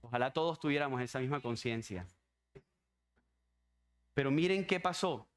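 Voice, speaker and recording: Emphatic pastor preaching. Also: male voice, medium pitch, lively intonation, moderate pace. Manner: emphatic, repetitive preaching with rhetorical questions. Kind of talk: sermon.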